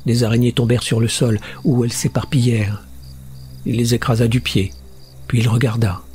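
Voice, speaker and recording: A man narrating a horror short story in a steady, measured reading with tense build-ups. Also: medium pitch. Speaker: audiobook narrator. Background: faint music.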